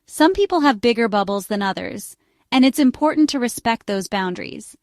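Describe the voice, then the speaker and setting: A woman's voice: fairly high pitch, animated, moderate pace, no echo, clean studio sound. A woman narrating scripted relationship advice, chatty and speaking straight to the listener. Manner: chatty, direct address to the listener.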